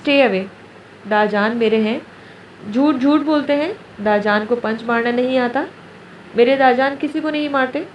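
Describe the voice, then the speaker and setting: A woman's voice: high-pitched, natural voice. A woman narrator voicing a stubborn, childlike young wife who speaks petulantly, recorded distant and roomy. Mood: indignant. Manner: petulant, indignant. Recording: roomy, distant, dull, faint hiss.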